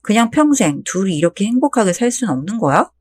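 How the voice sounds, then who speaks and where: A woman's voice: mid-range voice, big pitch swings, brisk, breathy edge. Woman reading as a dismissive young husband. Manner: brushing off, irritated.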